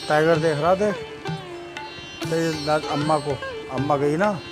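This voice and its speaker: A man's voice: fairly high pitch, a little slow. Chatty man vlogging his dog over music. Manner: chatty, talks fondly to the dog. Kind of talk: casual vlog narration. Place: at home.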